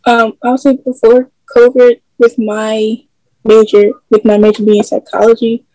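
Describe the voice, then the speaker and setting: A woman's voice: on the high side, flat delivery, moderate pace, dark tone, dry recording, low-quality recording. A young woman from the Philadelphia area, a guest on a video-call panel, who answers briefly and matter-of-factly. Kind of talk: casual chat.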